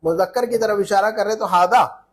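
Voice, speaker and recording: A man's voice: high voice, fairly quick. A man teaching an Arabic lesson in Urdu, repeating phrases and checking that students follow.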